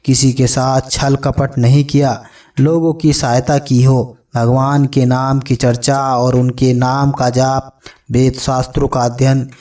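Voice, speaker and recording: Slow, flat-voiced male narrator. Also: mid-range voice, recorded from a distance. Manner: solemn, measured storytelling addressed to friends. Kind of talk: scripted religious narration.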